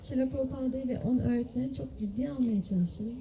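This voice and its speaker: A woman interpreting a sermon line by line, quickly, with hesitant fillers. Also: high voice, warm tone, slight background noise, low-quality recording.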